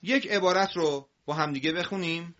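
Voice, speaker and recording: A man teaching recitation, explaining quickly and then drawing out example words slowly for students to repeat. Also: a little high, a bit bright. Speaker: Quran reading teacher. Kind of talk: recitation lesson. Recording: muffled lo-fi audio.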